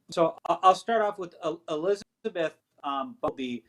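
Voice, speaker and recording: A man on a video call talking casually about match picks, halting with fillers, his audio breaking up and chopping off his words. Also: a little high, expressive, fairly bright tone, low-quality recording. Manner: halting, many fillers and restarts. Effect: choppy audio dropping in and out, words cut off. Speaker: fighter and panelist.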